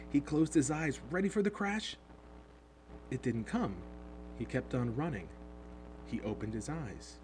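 A man narrating a storybook in an expressive, animated reading, heard over a steady hum. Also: medium pitch. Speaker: audiobook narrator.

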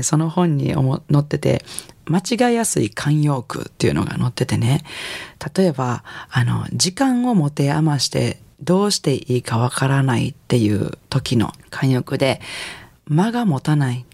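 A middle-aged woman with a Kansai accent, a singer hosting a radio music show in a relaxed, chatty, rambling way. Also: a bass voice, vocal fry, slightly rough, dry recording. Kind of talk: casual radio DJ talk.

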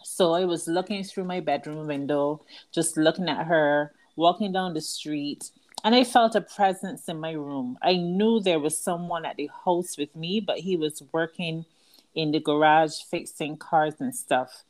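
A woman's voice: low-pitched, measured pace, darkish tone. A woman with a Barbadian accent, a book author telling her life story earnestly as a guest in an interview. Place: outdoors at night with crickets. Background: crickets.

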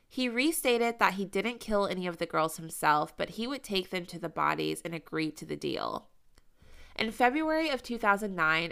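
Woman telling a true crime story on a podcast, kinda gravelly, clear crisp voice. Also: fairly low pitch, pushed and bright. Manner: reads the case story with blunt asides. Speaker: podcast co-host.

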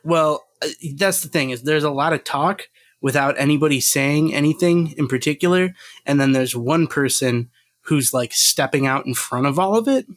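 Man, podcast co-host, casual rambling chat, fairly high voice, dry close sound. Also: normal speed, no echo. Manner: rambling, laughs often, swears casually.

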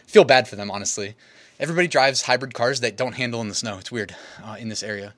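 A man's voice: mid-range voice, fast, no echo. A young adult man, out of breath, chatting loosely about his research and laughing at himself. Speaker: YouTuber sharing niche research. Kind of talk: casual screen-share commentary.

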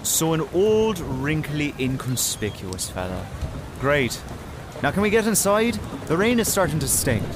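An actor playing a witty, excitable young male sidekick with a wry, flowery way of talking in an audio drama. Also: a little high, a little slow. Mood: sarcastic. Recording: clear stormy dockside noise behind.

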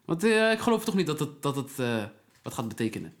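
Young guy, laid-back slangy banter with friends, talks fast. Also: fairly high pitch. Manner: relaxed street slang, frequent "bro" and "toch". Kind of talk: casual chat among friends.

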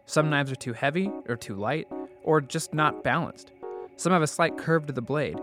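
A man hosting a show, narrating a scripted introduction and then interviewing guests. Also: a little high. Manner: measured, deliberate intro delivery. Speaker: podcast host. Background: faint music.

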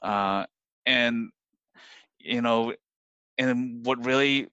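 A man hosting an interview podcast, talking earnestly and haltingly, often restarting his phrases. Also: medium pitch, fairly even intonation, pushed and bright, clean tone, no echo, muffled recording. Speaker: podcast host. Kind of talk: conversational interview.

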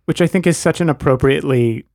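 A man's voice: on the high side, fast talker, vocal fry, a little mellow, dry recording, clean studio sound. A man co-hosting a podcast, talking through a TV episode in a thoughtful, analytical, wordy way. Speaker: podcast co-host. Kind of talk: casual chat.

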